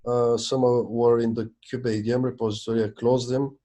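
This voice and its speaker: A man's voice: mid-range voice, level tone, brisk, mellow. A man talking casually on a video call during a technical meeting, thinking aloud as he checks documents. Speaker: project maintainer in a video meeting.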